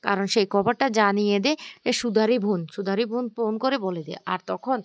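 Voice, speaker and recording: A woman retelling a TV serial plot in a rushed way, with frequent self-corrections and fillers. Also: mid-range voice, no echo, highs cut off. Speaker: storyteller recapping a TV serial.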